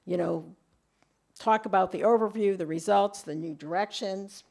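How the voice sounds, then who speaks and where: A middle-aged woman, an invited webinar speaker, gives a conference presentation in a room, halting as she talks and often restarting and repeating words. Her voice is light, medium-pitched, with a darkish tone.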